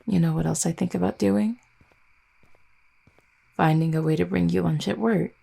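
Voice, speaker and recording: In an intimate roleplay audio, a woman plays a doting, teasing vampire girlfriend, speaking tenderly and conversationally at a normal pace. Her fairly low voice is creaky and dark with a breathy edge, delivered in an exaggerated way but with fairly even intonation.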